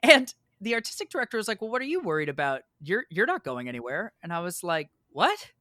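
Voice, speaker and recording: A high-pitched, quick-talking man from New York in the United States, a stage actor, tells a personal anecdote casually as a podcast guest. He's animated, acting out both sides of remembered conversations, and the dry recording is studio quality.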